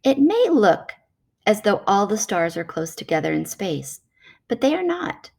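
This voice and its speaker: A woman reads a children's nonfiction book aloud in a measured, explanatory way suited to young listeners. Her medium-pitched voice is a little mellow and sing-song, with some vocal fry.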